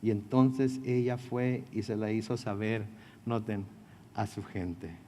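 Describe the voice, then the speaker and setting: A man's voice: lowish voice, steady tone, slow, dark tone, a little hiss or hum. A male pastor giving a midweek Bible study, talking conversationally, putting questions to his listeners and adding joking asides. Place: church meeting room. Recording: long reverb of a hall.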